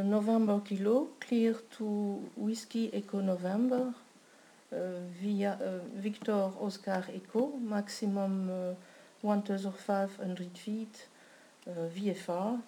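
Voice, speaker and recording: A woman speaking as a student pilot practising air traffic control radio calls, halting and unsure through the set phrases. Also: mid-range voice, fairly even intonation, dark tone.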